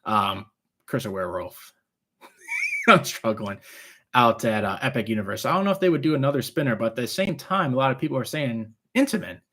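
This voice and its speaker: A man's voice: mid-range voice, big pitch swings, a little fast, fairly bright tone. A man with trouble saying his R's, which sound like W's, chatting casually and answering viewer questions as a rambling, easygoing live stream host.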